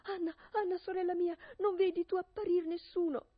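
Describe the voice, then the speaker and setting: A woman's voice: steady tone, normal speed, dry recording, muffled recording. A woman reading a radio storybook, voicing a terrified young wife who pleads and cries out for help. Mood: desperate pleading. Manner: pleading, high, tearful.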